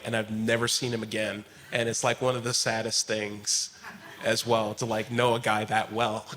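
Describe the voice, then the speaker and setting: A man on a convention panel, telling stories in an animated way and laughing along. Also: medium pitch. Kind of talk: lively anecdote telling.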